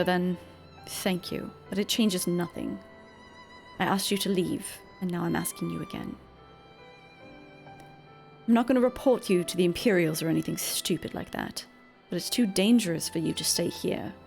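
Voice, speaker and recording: A woman's voice: fairly low pitch, creaky, a little mellow. A woman voicing a protective teenage boy from a video game, bitter and weary, with a grave, pleading delivery. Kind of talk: reading video game dialogue.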